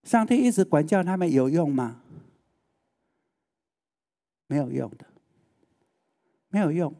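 Low-toned male preacher asking questions. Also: expressive, measured pace, mellow. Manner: questioning the listeners, rhetorical. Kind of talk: sermon.

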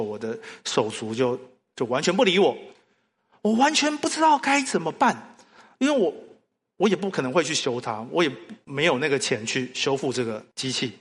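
A man preaching a sermon, telling stories and asking the congregation questions. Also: medium pitch. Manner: animated storytelling with rhetorical questions. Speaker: pastor. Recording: long hall reverb.

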